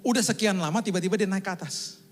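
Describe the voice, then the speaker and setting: A male pastor giving a sermon testimony, telling his story in a lively way and acting out the dialogue. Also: high voice, fast, soft background music.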